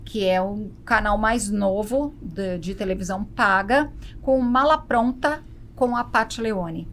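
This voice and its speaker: A Brazilian woman, a travel presenter appearing as a podcast guest, explains her work in a conversational way. Her voice is medium in pitch and a bit bright, and she speaks at a measured pace. Faint background noise and ambience can be heard.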